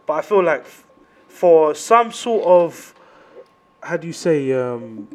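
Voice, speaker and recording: A man's voice: on the high side, sing-song, slow. A man with a London roadman accent debating casually in street slang, emphatic and repeating his phrases for stress.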